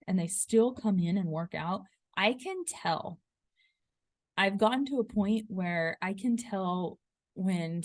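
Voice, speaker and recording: A young woman who teaches fitness talks through a casual solo monologue, rambling and chatty, with plenty of fillers and restarts. Her voice sits a little low for a woman. The recording is dry and close, with no room sound. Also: a little mellow, dry recording. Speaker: podcast host and fitness instructor.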